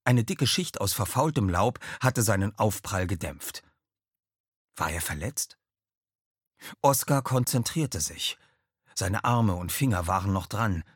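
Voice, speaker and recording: A male audiobook narrator tells a fantasy adventure in a low, somewhat husky voice. His delivery is expressive, with a wide, animated pitch range. It is a dry, close studio sound with no room around it. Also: dry recording. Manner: expressive storytelling, slips into character voices. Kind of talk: scripted narration.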